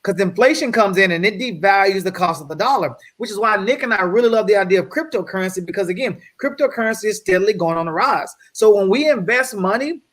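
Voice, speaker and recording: A man giving an energetic slide presentation as a guest speaker on a video call, often checking in with his audience. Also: high voice, fast, few pauses. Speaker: guest speaker on wealth building.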